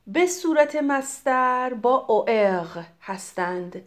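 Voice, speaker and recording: A middle-aged woman from Iran teaching French grammar, explaining in Persian and reading French examples slowly and clearly. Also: on the high side, darkish tone. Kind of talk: grammar lesson.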